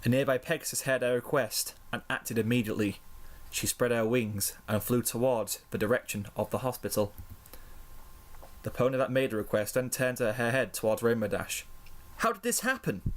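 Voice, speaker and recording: A man reading a fan-written story aloud in slow, measured narration. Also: medium pitch, fairly even intonation. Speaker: fanfiction reader.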